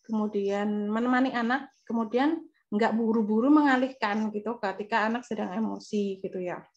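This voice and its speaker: A woman's voice: medium pitch, highs cut off. A woman with an Indonesian accent presenting a parenting webinar over slides, hesitant with many fillers and self-corrections. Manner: acts out soft calming lines to a child.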